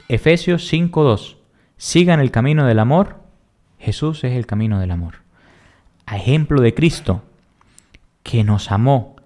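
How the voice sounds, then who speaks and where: A man teaching a Bible lesson, asking questions and answering them himself, repeating points with emphasis and reading verses slowly. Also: medium pitch, darkish tone.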